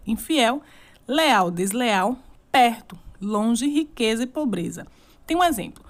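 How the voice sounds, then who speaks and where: Woman teacher reading out a lesson. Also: on the high side. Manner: slow, deliberate word-by-word examples; asks pupils questions. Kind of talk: recorded remote lesson.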